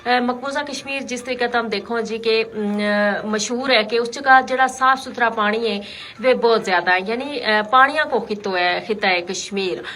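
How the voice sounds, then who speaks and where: A woman's voice: fairly high pitch, a little slow, pushed and bright. A woman hosting a radio call-in show, talking to listeners in an unscripted, explanatory, conversational way. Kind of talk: unscripted talk radio commentary.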